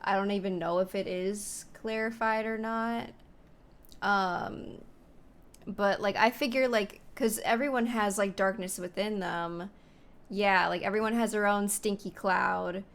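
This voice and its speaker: Playful woman, mid-pitched, rambling commentary. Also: steady tone, measured pace. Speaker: reaction video host. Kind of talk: casual commentary, joking.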